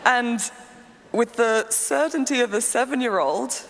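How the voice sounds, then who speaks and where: A woman, a panel guest telling her story in an eager, animated way. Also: a little high, unhurried, very noisy. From Malawi, then Australia. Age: 20s. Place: large hall with a live audience. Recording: reverberant hall.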